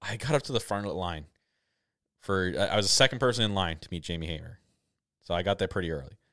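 A young man co-hosting a podcast, telling a story in casual chat, excitable, laughing often, with many restarts. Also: low-pitched, fast talker, no echo, studio quality. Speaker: podcast co-host.

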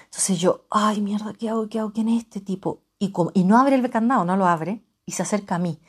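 Animated Chilean woman telling a story. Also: medium pitch, fairly quick, slightly rough. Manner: animated, swinging between loud exclamations and hushed asides. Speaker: travel vlogger. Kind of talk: dramatic personal storytelling.

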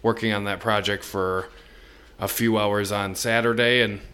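Lower-pitched American man chatting sports. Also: fairly even intonation, measured pace, sharp tone. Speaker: podcast co-host. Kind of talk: casual sports chat.

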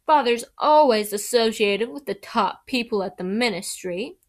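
A hot-headed teenage boy, indignant and defensive, in a storybook reading, played by a woman. He bristles and snaps back with a lifted, louder voice. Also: fairly high pitch, animated, moderate pace. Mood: resentful. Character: hot-tempered teenage schoolboy, quick to bristle.

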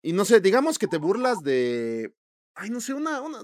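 Animated Mexican guy, lively pitch. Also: normal speed, no room sound, clean studio sound. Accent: Mexican Spanish. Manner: slangy, animated, acts out quoted reactions. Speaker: podcast co-host. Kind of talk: casual chat about movies.

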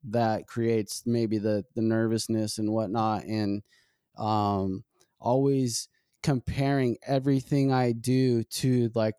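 A podcast host speaks in a warm, smooth voice. He gropes for words with frequent pauses and restarts, reflecting as he talks. The sound is close and dry. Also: mid-range voice, no room sound. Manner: halting, reflective, many fillers and restarts. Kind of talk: casual conversation.

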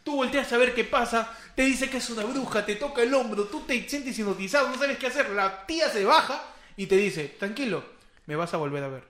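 A young adult man with a Peruvian Spanish accent, hosting a casual chat and retelling spooky taxi stories with slang and animated asides. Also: very high voice, fairly quick, roomy sound. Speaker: podcast host.

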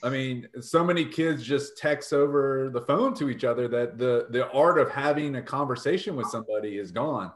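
A man co-hosting a podcast conversation about coaching, speaking in a relaxed, slightly hesitant way. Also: mid-range voice, moderate pace, hardly any pauses, reverberant.

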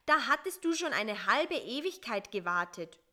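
A woman voicing a clever, pushy male fly who talks fast and high with restless eagerness. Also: very animated, bright, forceful tone. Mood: eager.

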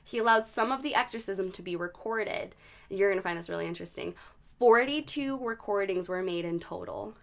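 A woman's voice: medium pitch, a little fast, gravelly. A woman hosting a podcast, telling a case story in a chatty, casual way with lots of fillers. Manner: chatty, many likes and ums. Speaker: podcast host.

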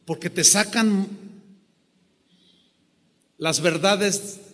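A man with a Mexican Spanish accent preaching a sermon as pastor, animated, acting out the voices he quotes. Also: sits high, very slow, big-room sound.

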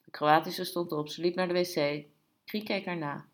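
A woman reading literary fiction aloud in a calm, measured way. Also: fairly low pitch. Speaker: audiobook reader. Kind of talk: literary narration.

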